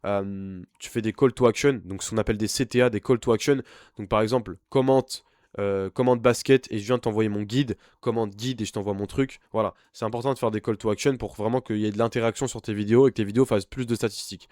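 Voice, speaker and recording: A man's voice: on the low side, steady tone, fast talker, a little mellow, no echo. Blunt young man coaching in a dry voice. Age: young adult. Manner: blunt, pushy, talks straight at the viewer. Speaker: online business coach. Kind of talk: informal screen-share tutorial.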